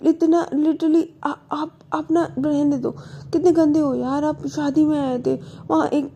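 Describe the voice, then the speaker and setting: Pouty young woman, whiny and pleading, pitched up high, a bit gravelly, as a female storyteller puts her on. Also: fairly even intonation, a little slow, warm tone, a little hiss or hum. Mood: pouty protest.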